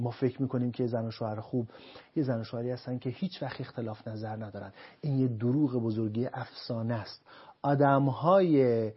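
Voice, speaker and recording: A man, a couples counselor, explaining calmly and acting out dialogue between partners. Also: medium pitch, slightly rough, highs cut off. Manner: calm, acts out couples' dialogue. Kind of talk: explaining to an interviewer.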